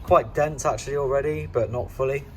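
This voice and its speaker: A man giving a casual, explanatory do-it-yourself walkthrough as he works, with a tractor rumbling behind him. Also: steady tone, a little fast, darkish tone, slight background noise. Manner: explanatory, hands-on commentary. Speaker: DIY bus conversion video host.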